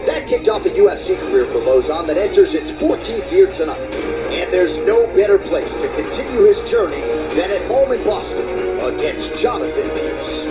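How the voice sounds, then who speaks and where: A man's voice: high voice, sing-song, moderate pace, rough recording. A male sports announcer reading scripted broadcast promos in a polished, emphatic way. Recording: broadcast with loud music bed.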